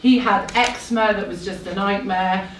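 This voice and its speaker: A woman's voice: mid-range voice, fairly even intonation, normal speed. A woman in her thirties tells a personal story to a live audience. She talks in a chatty, slightly nervous way and drops self-deprecating asides as she goes. She is picked up from a distance in an echoey room, over faint background noise. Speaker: speaker at a live talk event.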